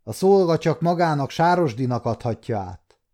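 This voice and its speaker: A man's voice: fairly high pitch, expressive, dark tone, voice pushed up, lightly acted. An adult man voicing a scheming, domineering nobleman who speaks in a commanding, mocking way. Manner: commanding, sneering.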